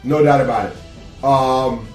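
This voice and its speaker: A man's voice: mid-range voice, steady tone, slow, a little mellow, echoey room, soft background music. A man casually giving sports playoff predictions to camera, brash and rambling, with plenty of trash talk and fillers. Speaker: sports vlogger.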